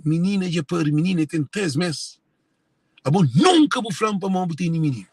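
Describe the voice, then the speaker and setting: A man's voice: sits high, animated, moderate pace, slightly rough, dry recording. A Cape Verdean man speaking in an emotional monologue to viewers, repeating and circling back to his phrases. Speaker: speaker sharing personal family story.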